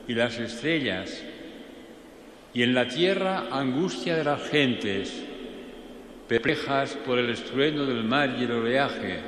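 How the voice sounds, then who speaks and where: Slow priest in cathedral echo. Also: male voice, mid-range voice, a bit bright. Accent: Spanish, from Spain. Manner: measured, declaimed. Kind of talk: solemn liturgical Gospel reading. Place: large reverberant church, indoors. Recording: cathedral-like echo, long reverb, noisy church.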